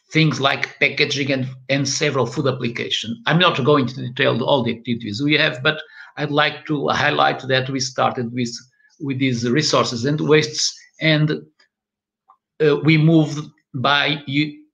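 A man's voice: medium pitch, creaky, a bit bright. An older man from northern Portugal with a Portuguese accent gives an online lecture in English, hesitating and repeating words often. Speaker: professor. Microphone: webcam video call. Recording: lo-fi video call audio.

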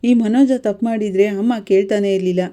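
A woman's voice: medium pitch, steady tone, brisk, mellow, close to an everyday voice. A woman playing an earnest, protective grown son. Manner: earnest, direct.

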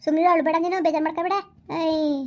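Brief: shrill, rapid village woman in a skit, scolding, dull lo-fi recording. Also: flat delivery. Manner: scolding, consoling, rapid-fire. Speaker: comedy sketch performer. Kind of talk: village comedy sketch. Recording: dull lo-fi sound.

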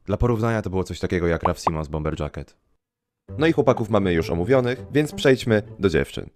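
A man's voice: low voice, expressive, fairly quick, a little mellow. A young man giving wry, ironic scripted narration in a video. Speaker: YouTuber in reacted video. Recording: played back under background music.

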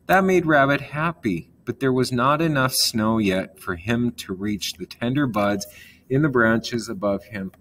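A man reading a children's story aloud in a calm manner, gently explaining words along the way. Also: mid-range voice, a little slow, a little hiss or hum.

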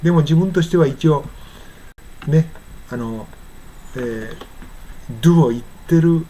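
A man with a Japanese accent teaching English pronunciation in a casual spoken lesson, explaining and then saying phrases very slowly. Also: on the high side, mellow. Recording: faint background noise.

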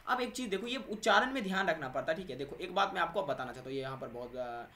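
Guy teaching grammar, super chatty, keeps saying okay, slows down on the important bits. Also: on the high side, lively intonation, crowd noise. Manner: chatty, repeats "okay" after nearly every point; addresses viewers as friends, stresses words by slowing down. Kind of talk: explanatory classroom-style lesson.

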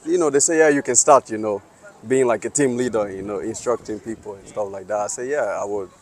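A man in his thirties from Liberia, answering street interview questions outdoors in an earnest, halting way with many fillers. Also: on the low side, darkish tone. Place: sunny city square outdoors.

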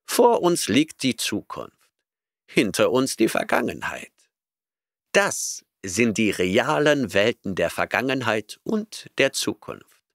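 A man's voice: on the low side, very animated, takes it slowly, vocal fry, no echo, studio quality, voice pushed up, exaggerated voice. A man reading an audiobook voices an arrogant, eccentric male professor who lectures impatiently and snorts at his listener.

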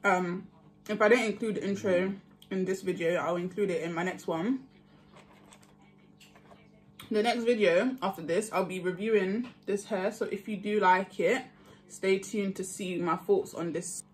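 A woman's voice: mid-range voice, a little slow, faint music behind. Chatty young woman vlogging a meal. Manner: chatty, laughs easily, talks while eating. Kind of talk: casual mukbang chat.

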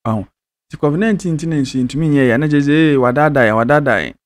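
A young man with a Ghanaian accent giving casual news commentary in Twi and English, talking in an animated, emphatic way into a studio mic. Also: on the high side, quick pace. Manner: animated, emphatic, switching languages. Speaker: news presenter. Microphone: studio mic on a stand in front of him.

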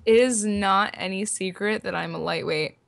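A woman's voice: medium pitch, normal speed, creaky. A woman guest streamer chatting casually and laughing at herself during a board game session. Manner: giggly, self-mocking. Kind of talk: casual chat while playing a board game.

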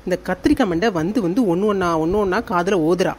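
Quick sassy cartoon daughter-in-law, woman doing her, lazy and cheeky, mutters to herself, tirunelveli tamil. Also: on the low side, darkish tone, a little hiss or hum, natural voice.

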